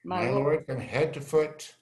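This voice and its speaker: An amateur male actor, mid-range and medium in pitch, reads as an earnest young scholar loyal to a prince, lightly acting the part. His Shakespearean verse is measured and respectful, as in a staged reading, and the mood is earnest and assured. He is indoors, heard through a video call.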